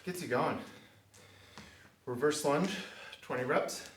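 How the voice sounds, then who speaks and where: A man's voice: fairly high pitch, takes it slowly, background noise. Winded male fitness instructor in an echoey room. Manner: short spoken cues between exercises, sighs and catches his breath. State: out of breath. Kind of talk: live workout instruction. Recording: echoey room, mic at a distance.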